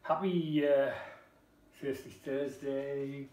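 A middle-aged Geordie beer vlogger reviews a beer in his home kitchen, wry and casual, letting the odd swear word slip. His mid-range voice is steady, slow and dark. A camera across the table records him from a distance in the roomy kitchen, with slight background noise.

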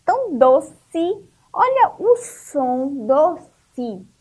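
A Brazilian woman teaching young children online, her voice pitched high and swinging up and down. She takes her time, stretches words out, asks little questions and answers them herself. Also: sing-song, a little slow. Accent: Brazilian Portuguese. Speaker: primary school teacher.

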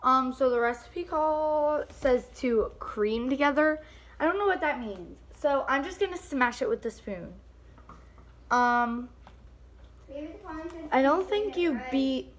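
Baking at home, a young vlogger chats away in a high, lively voice at a measured pace, rambling and teasing herself as she goes. There's slight noise in the background of this casual vlog narration.

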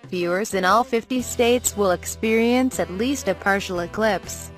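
A woman giving a measured, scripted news narration as a voice-over. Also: mid-range voice.

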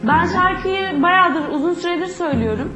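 A woman's voice: very high voice, fairly quick, loud music behind the voice. A woman reality show contestant defending herself, insistent and defensive. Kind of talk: arguing in a group confessional.

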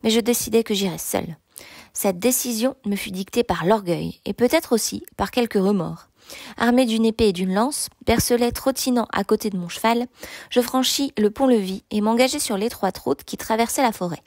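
Audiobook narrator: a woman with a slightly high voice, measured first-person delivery, dry recording. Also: darkish tone, dry recording. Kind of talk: audiobook reading of a novel.

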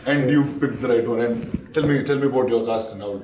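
A man hosting an interview, asking brisk, encouraging questions. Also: medium pitch, a crowd in the background. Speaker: host interviewer. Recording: echoey room, mic at a distance.

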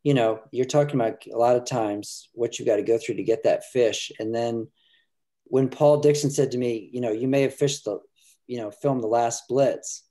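A man's voice: mid-range voice, steady tone, mellow. A middle-aged man, a filmmaker guest, talking earnestly from home on a video call, often restarting his sentences. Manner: earnest, halting, many restarts. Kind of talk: casual video call discussion. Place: home room indoors. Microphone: video call webcam.

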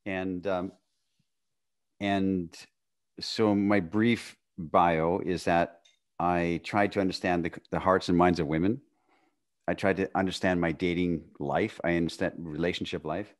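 A man in his fifties from northwestern Canada, a guest on a video-call podcast, telling his story in a relaxed way with frequent laughs and quiet, trailing phrases. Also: a little slow. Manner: relaxed, laughs often, drifts into a quiet, low voice. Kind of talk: casual conversation. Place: home room, video call. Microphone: studio mic on a boom arm.

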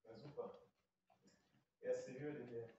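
A man's voice: mid-range voice, steady tone, takes it slowly, warm tone. A man speaking informally as a farmer being interviewed for a documentary. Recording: echoey distant dull playback, noisy.

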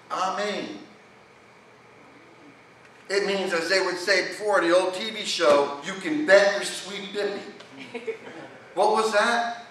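Slow, bright-voiced preacher in an echoey church. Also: male voice, high voice, distant mic, a little hiss or hum. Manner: folksy, asks the congregation questions. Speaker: pastor. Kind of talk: sermon. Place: church sanctuary.

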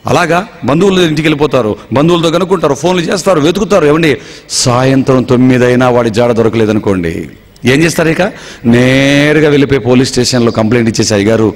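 A man's voice: medium pitch, fast talker. A male preacher giving a dramatic sermon, acting out everyday scenes and putting questions to his listeners. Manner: dramatic storyteller, acts out dialogue, asks the congregation questions. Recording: long reverb.

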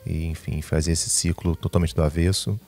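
A man's voice: very deep voice, steady tone, normal speed, creaky, a little mellow. A young man talking in a casual confessional vlog, anxious and jittery, rambling and cutting himself off, swearing casually. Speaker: vlogger.

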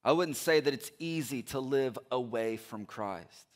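Pastor preaching on a church stage. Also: male voice, medium pitch, a little slow. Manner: earnest preaching with repeated phrases, swinging between loud urging and quiet appeal. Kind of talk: sermon. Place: large church stage indoors. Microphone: headset mic.

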